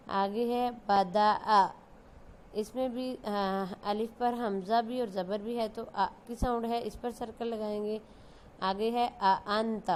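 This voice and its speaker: A Pakistani woman with a mid-pitched voice teaches young children to read the Quran, stretching and repeating each letter sound. There is a faint hiss of background noise behind her. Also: darkish tone. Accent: Pakistani Urdu. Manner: slow, drawn-out letter sounds, repeated for students.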